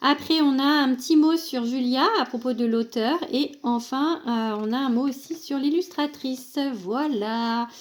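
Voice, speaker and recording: A woman's voice: fairly high pitch, a little mellow. A young woman casually presenting an oracle card deck, hesitant with many fillers, reading card texts aloud.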